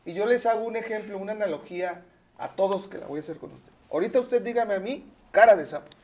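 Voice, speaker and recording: A man's voice: high voice, fast talker, darkish tone. A man with a Mexican accent, a teacher and guest, explaining his views in an easy lecturing way with frequent tag questions. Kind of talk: casual interview chat.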